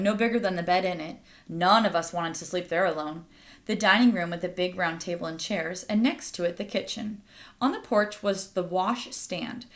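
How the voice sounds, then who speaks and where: A woman with a mid-range, fairly bright voice reads a children's picture book aloud as a storyteller. She speaks straight to her young listeners and pauses to ask them questions.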